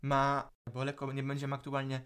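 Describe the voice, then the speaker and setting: Hesitant teenage podcast co-host. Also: male voice, mid-range voice, completely flat delivery, a little fast, a bit bright, smooth. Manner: hesitant, repeats words while thinking. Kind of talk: casual chat.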